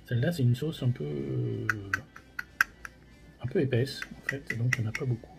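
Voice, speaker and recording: A man's voice: medium pitch, normal speed, gravelly, over loud music. A man gives casual, hesitant tasting commentary as a host, his mouth burning from spicy food. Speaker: host of a hot sauce tasting challenge.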